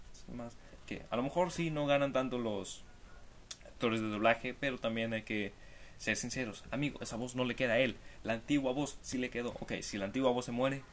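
A man's voice: medium pitch, fairly even intonation, brisk, slight background noise. A man giving casual, jokey commentary to camera, full of rhetorical asides. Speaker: video commentator.

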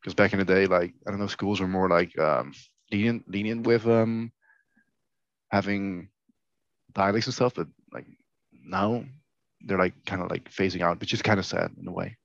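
A young Dutch man speaks English with a Dutch accent, casually rambling and restarting his sentences. His voice sits very low. The sound is dry and a little dull, as from a modest mic. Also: moderate pace, gravelly, pauses often, no room sound. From Netherlands. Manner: relaxed, rambling, many fillers and restarts. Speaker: guest. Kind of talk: casual interview chat.

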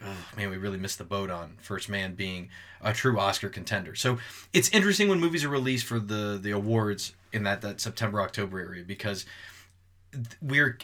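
A man's voice: lowish voice, a bit bright. A man co-hosting a movie podcast, rambling through his points with many fillers and restarts. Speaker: podcast co-host. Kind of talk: casual movie podcast chat.

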